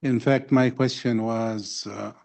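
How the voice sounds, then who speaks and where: A man's voice: medium pitch, fairly even intonation, takes it slowly, vocal fry, a little mellow. A man informally asking questions at a meeting, padding his phrases with frequent tags. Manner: frequently adds "you know".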